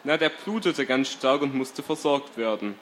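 A man reading a first-person story aloud in a calm, steady way. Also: mid-range voice, moderate pace, slight background noise.

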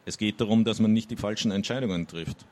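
Man voicing brash young woman, blunt, heated, lowish voice, audiobook. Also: fast, darkish tone, lightly acted. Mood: lecturing.

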